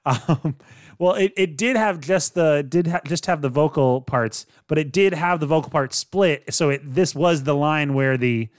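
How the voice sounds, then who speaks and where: A young man co-hosting a casual movie recap podcast, laughing often and telling stories in an animated way. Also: fairly high pitch, unhurried, no room sound, studio quality. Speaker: podcast co-host.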